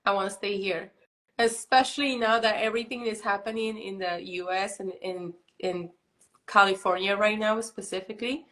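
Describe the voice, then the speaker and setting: A woman's voice: mid-range voice, fairly even intonation, moderate pace, fairly bright tone. Woman, 40s, from Mexico; casual live-stream host, rambling, heavy on fillers. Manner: chatty, many fillers like "you know" and "like". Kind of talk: casual chat.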